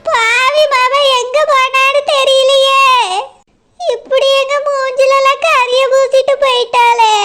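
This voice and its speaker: A woman's voice: very high-pitched, sharp tone, slight background noise, full character voice. A woman with a Kanyakumari Tamil accent voicing an older village mother who wails in a sing-song lament. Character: older village mother wailing over a runaway daughter. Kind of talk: village comedy-drama acting.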